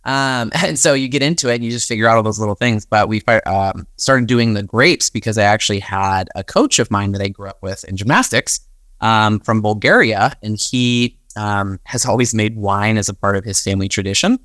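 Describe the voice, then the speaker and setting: A young American man, a winery and wedding venue manager, tells stories as a podcast guest in a chatty, conversational style, often voicing his own thoughts as quotes. His voice runs on the low side and fairly quick with a fairly bright tone, in a dry, studio-quality recording.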